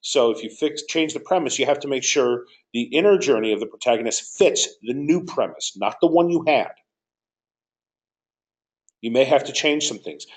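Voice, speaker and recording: Man in a teaching Q&A. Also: mid-range voice. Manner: conversational, repeats key points for emphasis. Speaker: course director. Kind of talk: live Q&A teaching session.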